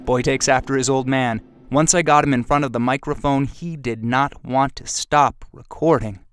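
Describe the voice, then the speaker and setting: A man hosting his own podcast, reading a scripted narration in a measured, reflective way. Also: mid-range voice, fairly even intonation. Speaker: podcast host and producer. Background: music bed.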